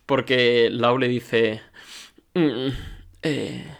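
A man's voice: mid-range voice, very slow, gravelly. Man, podcast co-host, casual chat, wry, jokey. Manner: wry, joking, acts out quotes. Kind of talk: casual chat recapping manga chapters.

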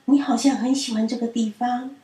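A woman voicing a kindly male bird in a children's story, speaking softly and warmly. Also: on the high side, fairly even intonation, fairly quick, roomy sound, far from the mic, close to an everyday voice, rough recording. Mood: gentle. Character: gentle gray male bird turned goose.

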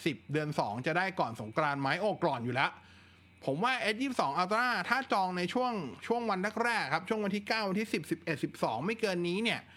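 A man with a slightly higher voice hosts a relaxed tech livestream. He chats casually and answers viewer questions, leaning on fillers as he goes. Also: quick pace. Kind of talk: casual live Q&A chat.

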